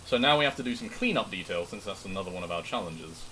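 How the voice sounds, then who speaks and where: A man doing live horror game commentary, chatting casually to viewers in an animated, excitable way with jokey asides. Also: sits low, fast talker, slight background noise, rough recording. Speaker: game streamer.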